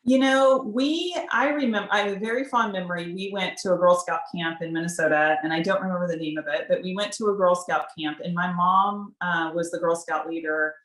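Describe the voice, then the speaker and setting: A woman's voice: on the low side, brisk, hardly any pauses, fairly bright tone. A middle-aged woman giving informal interview answers in a conversational, emphatic way, often checking in with "right?". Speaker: corporate community partner being interviewed. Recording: roomy, echoing sound.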